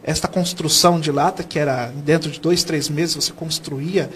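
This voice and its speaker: On the high side, steady and fairly bright, this man speaks at a moderate pace with slight background noise behind him. A Brazilian guest educator from São Paulo state in a TV interview, he explains earnestly and tends to pose questions and then answer them.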